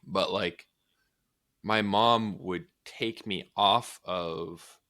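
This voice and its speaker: Deep-voiced young man, loose chat. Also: extremely slow, sharp tone. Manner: loose, profane, full of filler words. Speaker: podcast co-host. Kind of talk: casual chat.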